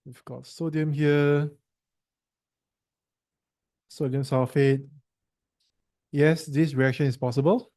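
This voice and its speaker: A man's voice: a little high, steady tone, takes it slowly, long pauses, mellow. A man with a Singaporean English accent tutoring a student through a science lesson, quizzing him and teasing him in a chatty way.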